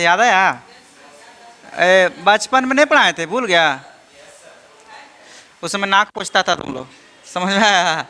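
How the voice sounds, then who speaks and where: A man's voice: high voice, pushed and bright. A man teaching organic chemistry to a class, drilling students with repeated check-in questions and teasing them playfully. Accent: Indian. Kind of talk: classroom lecture.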